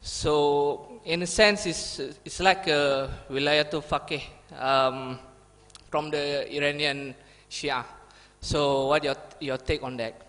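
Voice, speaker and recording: A man from Malaysia asking a polite question from the audience at a conference, pausing with fillers. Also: on the high side, steady tone, a bit bright. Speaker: audience member. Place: large conference hall. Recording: reverberant conference hall.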